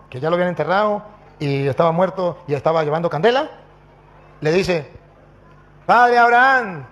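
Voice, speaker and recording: Middle-aged priest who preaches animatedly and acts out stories; high-pitched male voice. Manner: animated, quotes scripture and acts out dialogue.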